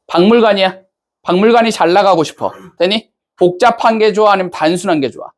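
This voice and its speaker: A man with a high-pitched, fast voice teaches an English class, casually checking in with students and asking them questions as he goes. His speech has a relaxed, banter-like feel, in the style of a classroom lecture.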